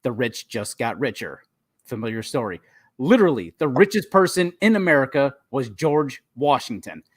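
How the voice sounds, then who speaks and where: A man's voice: mid-range voice, big pitch swings, normal speed, dry recording, studio quality. A man co-hosting a casual podcast over a remote call, joking and laughing often, with some swearing. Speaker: podcast co-host.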